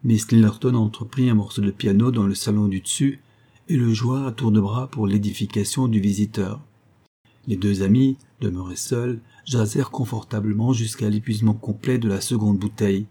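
Dark-voiced, husky male narrator. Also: lowish voice, fairly even intonation, moderate pace. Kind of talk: audiobook reading.

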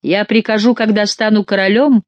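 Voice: medium pitch, steady tone, moderate pace, dry recording, muffled recording, voice pushed up, close to an everyday voice. An audiobook reader voicing an amorous, cheerful young king who speaks tenderly and effusively. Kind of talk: audiobook character reading.

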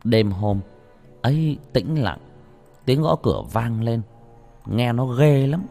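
A man narrating a ghost story in an animated, earthy way. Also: medium pitch, takes it slowly, creaky. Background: faint music.

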